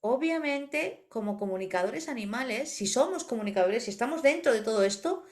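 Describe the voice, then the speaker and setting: Una mujer con acento de España habla en un pódcast con un tono un poco alto. Narra con energía y se mete en sus anécdotas. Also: female voice, fairly high pitch, fairly quick. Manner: animated storyteller, acts out quoted voices. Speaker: podcast co-host, animal communicator. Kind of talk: casual podcast conversation.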